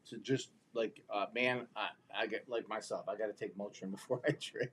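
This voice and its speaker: A man over forty is hosting a podcast and asking his guest plain questions in a casual way. His voice sits on the lower side. A faint hiss runs under the recording. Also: steady tone, normal speed, a bit bright. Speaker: podcast host.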